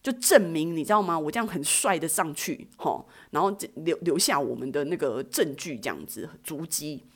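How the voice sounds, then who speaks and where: A woman, hosting a podcast and telling a self-mocking story in a casual, animated way, with frequent "you know?" asides. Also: low-pitched, moderate pace, slightly rough. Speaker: podcast host.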